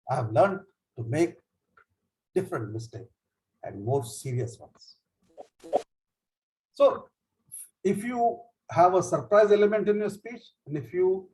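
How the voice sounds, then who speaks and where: A man with an Indian English accent teaches a session on humorous speaking, pitched a touch high. He explains in a lively way, with many small fillers, and slips into quick acted voices when he retells jokes. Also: poor audio. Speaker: speech trainer. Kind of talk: online education session.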